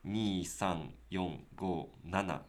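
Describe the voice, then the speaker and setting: A young man co-hosting a casual podcast chat, relaxed and sometimes reading posts aloud. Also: low-pitched, extremely slow. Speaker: podcast co-host, band member.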